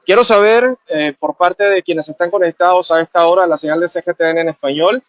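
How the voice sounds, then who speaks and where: A man reporting live from outdoors, his fairly high voice asking plain questions in a conversational tone. The field audio sounds muffled. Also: fairly quick, dry recording. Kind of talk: live street reporting and interviews. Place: outdoors among a migrant caravan.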